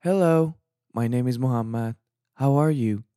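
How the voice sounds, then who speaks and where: Brief: woman playing an adult man in a language-lesson dialogue, very low voice, dark tone, short plain replies. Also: normal speed. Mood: friendly.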